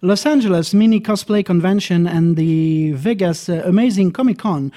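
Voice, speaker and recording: A podcast host asking questions in a playful, halting way. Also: mid-range voice, warm tone. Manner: playful, halting, many fillers. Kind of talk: casual podcast interview.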